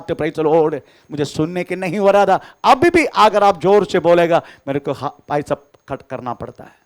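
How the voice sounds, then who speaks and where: A male pastor preaching a sermon, dropping to low murmurs and rising to high shouted declarations, often saying "praise the Lord".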